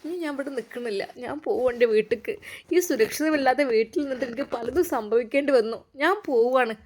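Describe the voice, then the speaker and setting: A woman voicing a scheming, middle-aged aunt with a Malabar Malayalam accent who weeps and complains in a soft, breathy voice. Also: fast talker, a little hiss or hum, close to an everyday voice. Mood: tearful. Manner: weepy, complaining, breathy low level.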